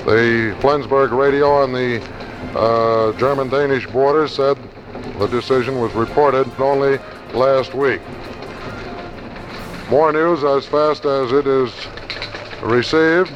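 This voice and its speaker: A man's voice: medium pitch, steady tone, takes it slowly, long pauses, over music. A man reading a radio news bulletin in a 1940s old newsreel manner. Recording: muffled 1940s radio archive recording.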